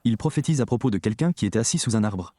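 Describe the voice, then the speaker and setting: A man delivers a sermon with emphasis, addressing the listeners head-on. His voice is dark and mellow, recorded dry and close with no room sound. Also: on the low side, expressive, fast, no room sound. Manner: emphatic, addresses the audience directly. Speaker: preacher.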